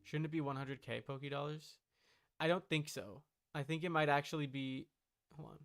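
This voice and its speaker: While livestreaming a video game, a man chats casually, rambling and thinking out loud in an unsure way. His voice is fairly high and steady, at a moderate pace.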